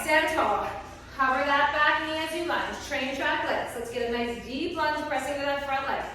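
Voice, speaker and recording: A woman with a high voice leads a workout from a little way off in a very echoey hall. She gives short, unhurried cues and counts, encouraging the class while puffing from her own effort. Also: pushed and bright. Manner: encouraging, working out along with viewers. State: exerting, puffing between sets. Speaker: fitness instructor. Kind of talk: workout coaching, counting and cueing. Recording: echoey hall, distant microphone.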